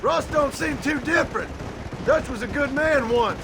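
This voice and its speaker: A weary former outlaw gunslinger in a Western video game, curt and defiant. He pushes his voice very high for a man, with dry folksy phrasing. Hoofbeats and outdoor noise run clearly behind him. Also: moderate pace. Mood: bitter, defiant. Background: hoofbeats, outdoor ambience.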